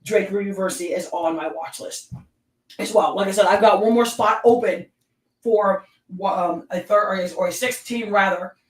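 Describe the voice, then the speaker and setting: A woman with a Southern accent hosting her own sports talk stream, ranting with emphatic, animated delivery. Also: mid-range voice, moderate pace, echoey room, far from the mic, poor audio. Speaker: sports show host.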